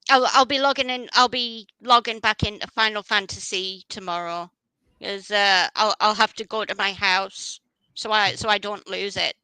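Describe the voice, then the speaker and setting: A woman's voice: medium pitch, steady tone, normal speed, sharp tone, smooth, dry recording, rough recording. A woman hosting a casual livestream, chatty and rambling, often restarting her sentences. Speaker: livestream host.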